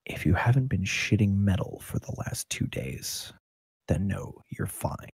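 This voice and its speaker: Curt, commanding old elf in a fantasy game, as a game master puts him on, low husky voice. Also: male voice, big pitch swings, unhurried, darkish tone, no room sound, exaggerated voice. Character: brusque old male elf, driven and impatient.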